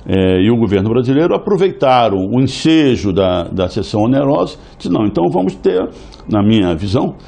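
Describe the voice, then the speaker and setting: A man's voice: mid-range voice, very animated, brisk, gravelly, warm tone. A man answering interview questions as a company insider, hesitant, with many restarts and tag questions.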